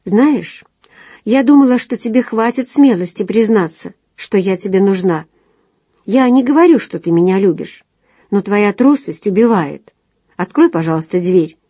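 A woman's voice: mid-range voice, animated, moderate pace, mellow, slightly rough, dry recording, clean studio sound. A woman voicing an insistent fourteen-year-old girl. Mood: hurt. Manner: intense, insistent declarations. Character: earnest, stubborn 14-year-old girl in love. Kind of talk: audiobook dialogue reading.

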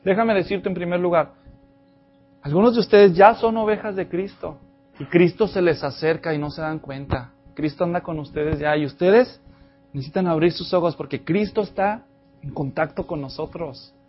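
A man preaching an expository sermon, addressing the congregation directly with animated energy. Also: on the high side, normal speed, dull audio, faint music behind. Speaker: pastor.

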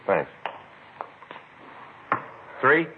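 An actor playing a male police detective who narrates in a clipped, flat, matter-of-fact way. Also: extremely slow, background noise. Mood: terse. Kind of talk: 1950s radio police drama narration. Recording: tinny old radio broadcast with faint music.

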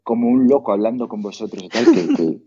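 A man's voice: mid-range voice, fairly quick, dark tone, slightly rough, muffled recording. A middle-aged man from Asturias, a podcast guest telling rambling stories with many restarts and imitated sounds. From Asturias, Spain. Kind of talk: casual chat.

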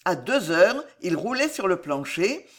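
Narrating an audiobook of a historical novel, a woman uses her lowish voice for steady, expressive storytelling.

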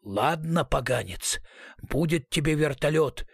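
A man's voice: a little high, lively intonation, measured pace, vocal fry, husky, dry recording, studio quality, exaggerated voice. A man voicing a stubborn male police captain who talks in terse, clipped phrases. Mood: curt.

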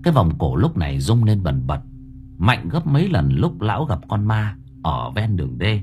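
A man narrating a horror story in a dramatic, expressive way. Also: on the low side, moderate pace, slight background noise. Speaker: audiobook narrator.

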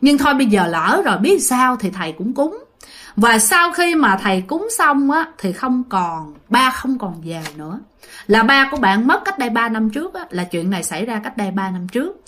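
Woman chatting thru a ghost story, lots of fillers, lively bouncy voice. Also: a little high, normal speed. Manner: chatty, many fillers, addresses listeners directly. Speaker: ghost story channel narrator. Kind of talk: casual spoken storytelling.

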